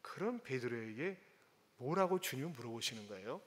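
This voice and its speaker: A male pastor preaching a sermon in a church, animated and acting out scenes as he talks. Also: mid-range voice, brisk. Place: church sanctuary. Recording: church hall reverb.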